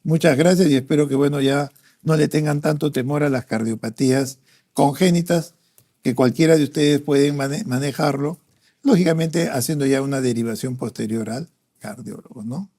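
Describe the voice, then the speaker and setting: In a mellow, medium-pitched voice at normal speed, a doctor with a Peruvian Spanish accent leads an exam-prep lecture reviewing pediatric cardiology. He works each question aloud, frequently adding "¿no?" and "este."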